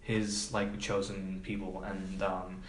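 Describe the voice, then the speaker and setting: A low-voiced man speaks slowly and flatly as a podcast guest who works as a film production assistant. His manner is casual and hesitant, full of filler words, and the room is echoey with background noise.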